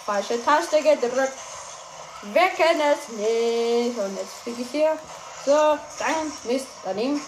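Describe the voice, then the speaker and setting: A woman giving excitable live commentary on her own gameplay, crying out at goals and misses and chatting to her listeners. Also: on the high side, slow pace. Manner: excitable, shouts and cries out at plays, chatty asides to listeners. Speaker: gaming streamer. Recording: echoey room with background noise.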